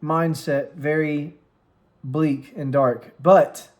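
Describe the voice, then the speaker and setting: In a room at home with lights, plants and a cat on his lap, an American vlogger and streamer in his late twenties talks close to a studio microphone. His voice is on the high side, steady and darkish, and his casual, reflective vlog meanders earnestly with restarts and trailing pauses, unscripted.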